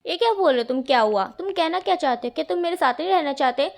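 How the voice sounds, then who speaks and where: A woman's voice: sits high, animated, brisk. A woman voicing a playful, cheeky teenage boy who teases and protests in a storybook reading. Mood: indignant. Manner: teasing, whiny protests.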